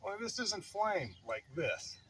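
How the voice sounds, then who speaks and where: Taking it slowly, a somewhat breathless grandfather vlogs a personal story in a casual, meandering fireside manner, wry, self-mocking and mock-dramatic. His high voice is very animated and fairly bright. Outdoor sounds and chirping birds fill the background.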